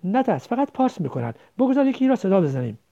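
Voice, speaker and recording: A man voicing a calm, protective young village boy reassuring his sister. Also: sits high, no echo, voice pushed up. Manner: reassuring, gentle. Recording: dull lo-fi recording.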